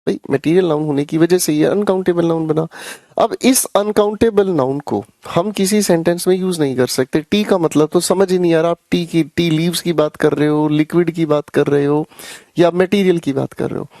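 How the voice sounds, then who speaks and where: A man's voice: fairly high pitch, normal speed, mellow, no echo, clean studio sound. A man teaching English grammar in a live online class, chatty and teasing, calling his students son and brother. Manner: chatty, teasing, addresses students as beta and bhai.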